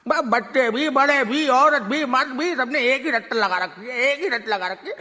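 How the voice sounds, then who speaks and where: A man's voice: very high voice, animated, normal speed, sharp tone. A man in a comic sketch, irritable and scolding, laughing as he rants. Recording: hall reverb with clear noise.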